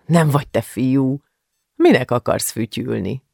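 A man voicing a big, good-humoured father who gently teases his young daughter. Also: medium pitch, animated, gravelly, dry recording, clean studio sound. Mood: gentle. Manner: gentle, teasing.

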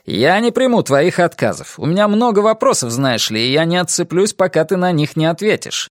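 A man's voice: sits high, lively intonation, a little slow, husky, pitched above the performer's own voice, full character voice. A young, proud count, raised a little above an ordinary male voice, who either snaps with fury or speaks with icy menace, as an audiobook narrator plays him. His voice rises and falls sharply, and the dry, close sound has no room echo. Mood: angry. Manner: angry, defiant, threatening.

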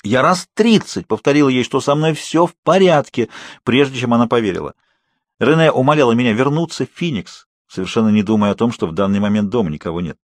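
Husky male audiobook narrator. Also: mid-range voice, no room sound. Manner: steady, measured storytelling. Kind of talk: scripted narration.

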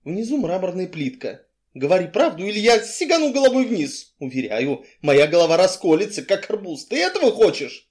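A fiery, defiant young woman, as a male reader puts her on, raised high and swooping all over as she demands answers and shouts. Her voice leaps up in pitch at every outburst. It sounds like a crime audiobook read aloud. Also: very animated, fairly quick. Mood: angry, demanding.

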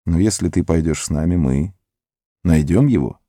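A man's voice: deep voice, animated, normal speed, warm tone, no echo, studio quality, pitched below the performer's own voice. A man reading stern, commanding hobbit Frodo. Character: young male hobbit Frodo, stern and resolute. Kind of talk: audiobook character voice.

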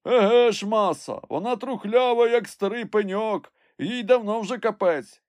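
A man voicing a stocky, simple-spoken male servant who calls down plaintively from high in a tree, in an audiobook. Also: moderate pace, a little mellow, no room sound, close to an everyday voice. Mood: fearful.

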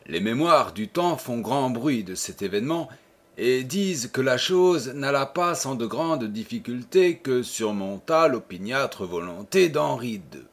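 A man reading a historical novel aloud as an audiobook, in an expressive, theatrical way. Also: medium pitch, a little slow. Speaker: audiobook reader. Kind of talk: dramatic audiobook narration.

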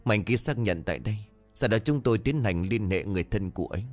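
A curt police officer giving instructions in a formal, businesslike tone, as a male narrator voices him. His low voice moves briskly over faint music. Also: expressive, natural voice.

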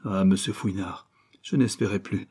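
A man's voice: low-pitched, normal speed, mellow, husky. A man reading a novel aloud, voicing an exhausted young male reporter who sounds faint, strained and pleading. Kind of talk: audiobook character reading.

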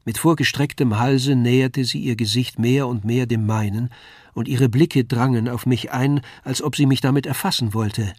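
A man reading a classic novella aloud in a measured, expressive way. His voice sits at a middle pitch. The studio recording is dry, with no room sound. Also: no echo. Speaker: audiobook reader. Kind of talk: scripted narration of a classic novella. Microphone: studio microphone.

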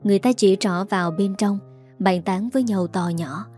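A woman narrates an audiobook story in a steady, even manner. Her voice sits in the middle range. Faint music plays underneath. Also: mid-range voice, moderate pace.

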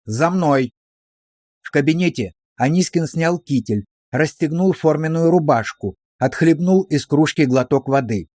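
A man narrating a novel aloud in a steady audiobook reading. His voice sits somewhat high for a man, and the recording is close and dry with no room around it. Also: normal speed, hardly any pauses, no room sound.

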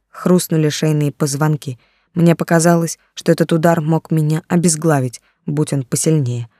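An audiobook narrator reading a dark first-person story with intense emotion. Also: mid-range voice, dry recording, studio quality.

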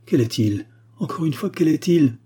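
A man's voice: medium pitch, moderate pace, warm tone, slightly rough, pitched above the performer's own voice, lightly acted. A man voicing an anguished young noblewoman in an audiobook reading, with pleading, breathless questions.

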